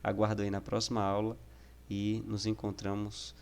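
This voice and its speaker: A man's voice: on the low side, completely flat delivery, moderate pace, clear, resonant tone. A man with a Brazilian Portuguese accent teaching an online lesson, explaining patiently and often checking in with the listener.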